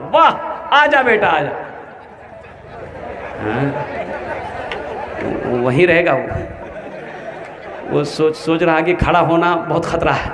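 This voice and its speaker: Casting: a male preacher, high-pitched and lively, urging donations, booming through an echoey loudspeaker. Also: background noise. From Kolkata. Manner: animated, joking exhortation. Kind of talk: fundraising sermon at a religious gathering.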